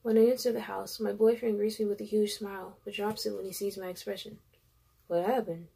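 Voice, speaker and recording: A woman's voice: mid-range voice, flat delivery, fairly quick, gravelly, mellow, breathy edge. A young woman reading a story aloud in the first person, emotional, with chatty asides between passages. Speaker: reader of a story.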